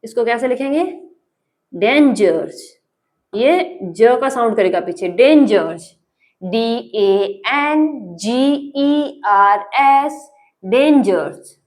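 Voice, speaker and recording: Slow, patient woman teacher, slightly high voice, spells each word letter by letter. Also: lively intonation. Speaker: English reading teacher. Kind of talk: slow spelling drill lesson.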